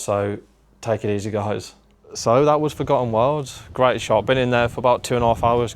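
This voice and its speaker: Tired from a long drive, a young man chats casually for his travel vlog, sounding self-deprecating and weary. He collects games and vlogs about it. His voice is lowish, clear and resonant.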